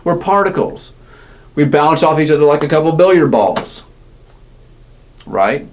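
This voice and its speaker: A man lectures on physics in a relaxed classroom way. He corrects himself as he goes and keeps checking in with his listeners. His voice sits a little higher than most men's. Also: moderate pace, a little hiss or hum. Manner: casual, self-correcting, asks "right?" often. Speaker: physics teacher.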